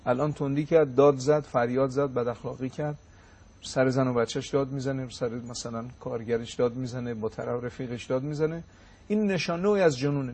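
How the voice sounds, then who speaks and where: Male religious lecturer with a slightly husky voice, who recites slowly and then explains quickly. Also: medium pitch, darkish tone. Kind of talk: religious talk explaining sayings.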